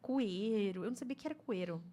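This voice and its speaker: A woman from Brazil hosting a casual chat, animated and self-deprecating, often breaking off mid-word. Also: medium pitch, a little fast.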